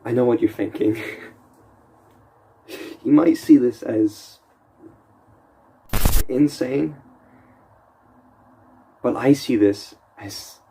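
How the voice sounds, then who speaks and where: Man playing a slow, halting, unhinged killer. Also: medium pitch, steady tone, gravelly, dark tone, slightly rough, heavily acted, low-quality recording. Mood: unsettlingly amused. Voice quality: trouble pronouncing R's. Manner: halting, rambling, stammering, with odd chuckles. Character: unhinged, socially awkward male killer confessing to camera.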